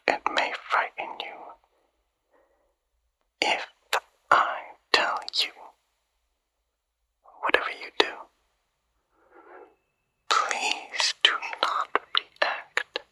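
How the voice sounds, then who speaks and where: An actress playing a secretive woman who whispers urgent warnings to someone held captive, in a hushed, careful voice. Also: very slow, long pauses, dry recording, heavily acted, low-quality recording.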